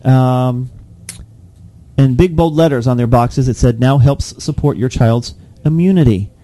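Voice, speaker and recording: A man's voice: medium pitch, unhurried, warm tone, no echo. A young man co-hosting a casual news chat, reading headlines aloud and joking with frequent laughs. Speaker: podcast co-host reading tech news.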